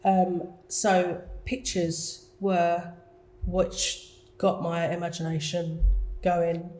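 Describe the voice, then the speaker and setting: A woman's voice: on the low side, level tone, drawn-out words, mellow. A woman with an Essex accent, a guest artist telling her story in a down-to-earth, hesitant, chatty way. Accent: Essex English. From Essex, England. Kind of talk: casual interview chat.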